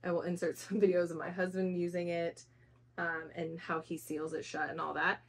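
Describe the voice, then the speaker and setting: A woman's voice: lowish voice, level tone, normal speed, slightly rough. A woman hosting a casual product review, talking informally and conversationally as she explains things to viewers.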